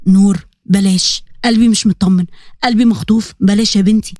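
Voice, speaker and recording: Woman putting on a middle-aged egyptian dad, lowered voice, anxious, protective, dry close sound. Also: steady tone, brisk, warm tone, no echo, lightly acted. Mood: worried. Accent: Egyptian Arabic. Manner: heavy, anxious, pleading.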